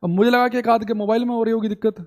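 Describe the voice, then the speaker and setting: A man teaching a live online class with a high-pitched voice. He speaks informally, calling his students brother, and spells out definitions slowly so they can copy them. He drifts into exasperation over students' audio complaints. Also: flat delivery. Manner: addresses students as bhai, repeats key points slowly for dictation.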